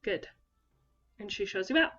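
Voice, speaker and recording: A woman running a tabletop role-playing game, narrating scenes and calmly guiding the players through the rules. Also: mid-range voice, normal speed, dull audio. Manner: calm, guiding, descriptive narration. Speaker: game master.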